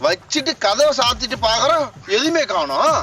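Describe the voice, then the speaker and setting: A man's voice: very high voice, big pitch swings, normal speed, pushed and bright, soft background music. A man acting in a village comedy sketch, bossy and scolding, demanding answers.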